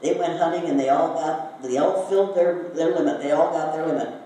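A woman's voice: deep voice, a little fast, mellow. An older woman from Iowa, telling a story to a live audience and asking them questions. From Iowa, United States. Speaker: speaker giving a talk. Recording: very echoey hall, voice from a distance, faint noise.

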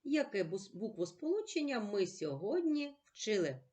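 A woman teacher giving a slow, patient reading lesson for children, asking questions and answering them herself. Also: mid-range voice, very animated, dark tone. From Ukraine.

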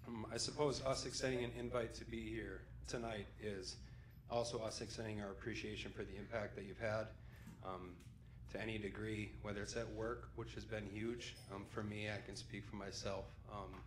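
A young man, the groom, gives an unscripted thank-you speech into a handheld mic, halting and filling pauses with many ums. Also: lowish voice, steady tone, reverberant, a little hiss or hum. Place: wedding reception in a large dining room.

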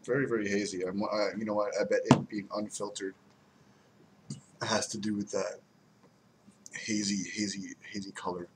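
Indoors at home near the window blinds, a young adult man casually reviews a beer on a desk webcam, rambling and repeating words for emphasis. He speaks at normal speed in a fairly low pitch with a level tone and long pauses. The background is noisy.

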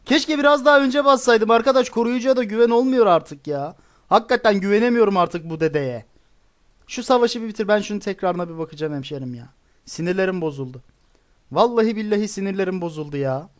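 A man talks his way through a strategy game attack, planning each move out loud. His voice sits high, and his chatty commentary often turns into exasperated grumbling. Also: quick pace. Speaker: gaming YouTuber.

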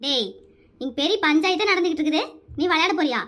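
A woman voicing a strict, fed-up mother in a cartoon family comedy who scolds her sons with a sharp tongue. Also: sits high, lively intonation, fast talker. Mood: scolding.

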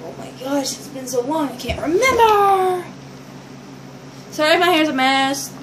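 In noisy amateur webcam audio from a small bedroom, a young teenage girl shows her toy builds and chats rambling and casually to the camera. Her voice is high, expressive and unhurried, picked up by a built-in device mic at arm's length.

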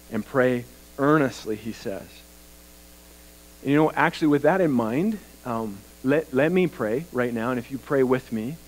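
A man's voice: on the high side, low-quality recording. A male pastor preaching an earnest, conversational sermon that moves into a spoken prayer. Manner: lively, voice rising when exhorting and dropping soft in prayer.

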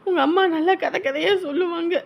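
Brief: actress for a bitter, weepy young wife in a family drama; very high voice with a gravelly edge, rapid accusations. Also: female voice, highs cut off. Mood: aggrieved. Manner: tearful, accusing, rapid-fire complaints. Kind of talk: melodramatic web-series acting.

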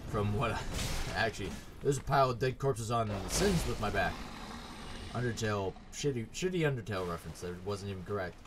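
A man's voice: lowish voice, lively intonation, brisk, noisy background. Sarcastic, swearing gamer man. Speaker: gaming YouTuber. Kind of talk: let's play commentary.

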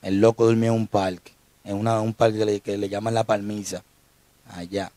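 A man's voice: lowish voice, level tone, brisk, warm tone, dry recording. A young Dominican man, an interview guest, telling an emotional personal story in slangy street talk. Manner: slangy, repeats street address terms.

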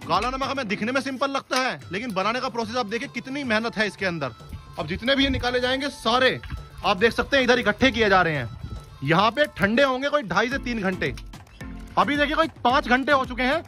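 Soft music sits under an extremely high-pitched, animated male voice that's bright, forceful and fairly quick. The food vlogger tours an outdoor factory, narrating with gusto to his "guys" and questioning the workers on location.

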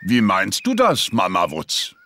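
Easygoing, cocksure cartoon pig dad; wildly swooping delivery, unhurried. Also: male voice, lowish voice, wildly swooping pitch, bright, forceful tone, slight background noise, full character voice. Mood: relaxed, jolly. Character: cheerful, easygoing, overconfident cartoon daddy pig. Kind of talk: children's cartoon voice acting.

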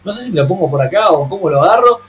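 A man with an Argentine accent, a vlogger telling casual stories in an animated way, with slang and sound effects. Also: sits high, fast talker. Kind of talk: casual anecdote storytelling.

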